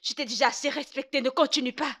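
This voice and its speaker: Stubborn, unfaithful young wife in a dubbed drama; high-pitched, challenging and heated. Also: female voice, steady tone, fast talker, bright, forceful tone. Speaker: wife in a marriage dispute.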